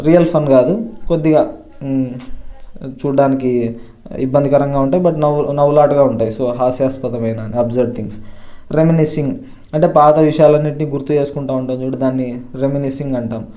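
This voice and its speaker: A man teaches English vocabulary at a steady pace. His voice is mellow and dark at a middle pitch, and he stresses each new word before he explains it. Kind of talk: vocabulary lesson explained in Telugu.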